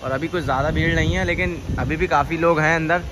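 An upbeat young man with a Bareilly Hindi accent shows his viewers around a restaurant, talking in a slightly high voice. He walks and films himself on a phone held out at arm's length. His narration is chatty and repetitive, the way a casual travel vlog sounds. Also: steady tone, quick pace, heavy background noise. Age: young adult. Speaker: vlogger. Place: restaurant halls and outdoor courtyard at night. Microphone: phone selfie camera at arm's length.

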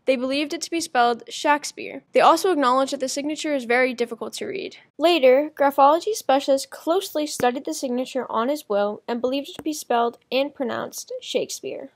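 A woman's voice: high-pitched, a little fast, hardly any pauses. A woman narrating a school project presentation, reading evenly from a script. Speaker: student presenter.

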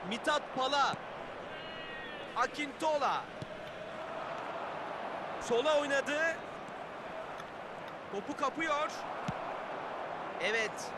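A man's voice: very high-pitched, expressive, slow, pauses often. A man doing play-by-play football match commentary. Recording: loud stadium-like background noise.

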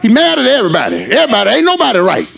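A middle-aged man preaching a sermon as pastor, rising into shouts and stretching his words. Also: very high-pitched, wildly swooping pitch, very fast, vocal fry.

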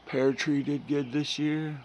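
A man giving a casual, unhurried walkaround of his food garden outdoors, pointing out plants with short remarks. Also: fairly high pitch, level tone, a little mellow.

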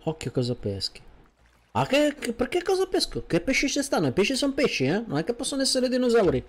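A man voicing a chatty, flattering Egyptian man from Cairo in a game role-play, speaking in broken, simplified sentences and repeating his words. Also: very high voice, fast talker, soft background music, heavily acted. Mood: cheerful. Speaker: streamer role-playing a character.

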